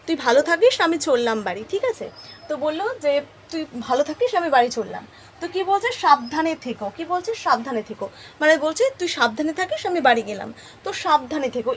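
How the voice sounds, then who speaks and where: Woman teacher, high voice, faint hum behind, repeats phrases slowly for learners. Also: low-quality recording. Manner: repeats phrases slowly, checks in with "ঠিক আছে?". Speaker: English teacher. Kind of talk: spoken English lesson told through a story.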